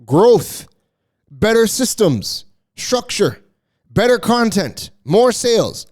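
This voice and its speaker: A man's voice: high voice, big pitch swings, slow, a little mellow. A man hosting solo commentary as a business coach, emphatic and exasperated, repeating key words for stress.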